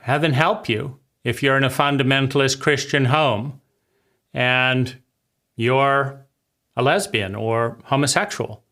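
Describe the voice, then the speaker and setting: A man giving a reflective talk on psychology, often asking "right?" and acting out quoted voices with sudden rises in pitch. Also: slow, a bit bright. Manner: acts out quoted voices with big pitch jumps; repeats words and says "right?" often. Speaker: speaker on psychology.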